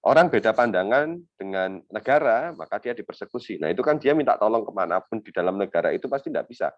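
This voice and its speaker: This young man's voice is on the low side, quick, and lively in intonation, with no room sound. Speaking on refugee law in an academic webinar over a video call, he explains casually, using plenty of fillers and hypothetical examples. The audio is dull and lo-fi.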